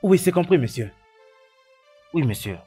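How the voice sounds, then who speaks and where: A man's voice: a little high, sing-song, a little slow, mellow, husky, faint music behind, full character voice. A man voicing a nervous, obedient gatekeeper servant in a French film dub, answering deferentially.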